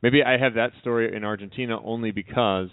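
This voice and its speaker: A man co-hosting a radio talk show, chatting casually with a wry, deadpan humor. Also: medium pitch, fast talker, clear, resonant tone, no echo. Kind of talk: casual chat. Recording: dry, phone-like narrow sound.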